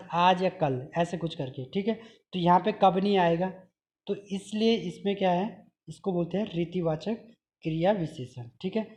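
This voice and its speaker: A man's voice: sits high, darkish tone. A man teaching an exam-prep grammar lesson. He drills each point by asking his own questions, answering them, and repeating the examples. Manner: repeats examples and says "okay" often.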